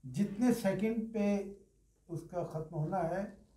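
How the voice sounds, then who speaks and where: A man's voice: high voice, takes it slowly, dark tone, echoey room. An older man, a guest broadcaster, explaining emphatically in a panel discussion recorded in a small studio on a desk mic. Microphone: desk boom mic.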